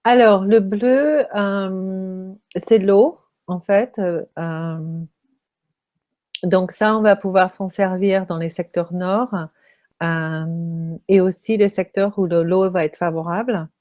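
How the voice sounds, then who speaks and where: A woman who is losing her voice speaks as a feng shui consultant answering interview questions, halting often with fillers. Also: medium pitch, fairly even intonation, mellow. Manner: halting, many pauses and fillers.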